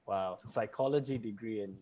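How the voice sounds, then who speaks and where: A man hosts an online townhall for students over a video call, chatting and rambling with frequent laughter and many fillers. The audio is muffled, and his voice is warm, fairly low in pitch and moderately paced.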